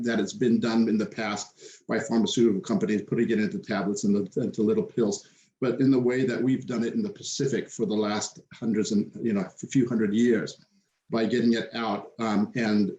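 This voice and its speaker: A man's voice: lowish voice, warm tone, highs cut off. Hesitant man in an echoey room. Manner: hesitant, many fillers. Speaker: kava exporter. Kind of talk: webinar panel answer.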